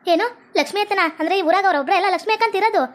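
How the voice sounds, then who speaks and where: A young village wife, played by a woman. Her voice is very high and she talks rapidly in a pleading tone. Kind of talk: comedy sketch acting.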